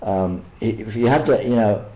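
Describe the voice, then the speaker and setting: Older man rambling gently, low mellow voice. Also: low-quality recording. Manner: rambling, halting, many restarts. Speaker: meditation teacher. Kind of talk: casual retreat talk.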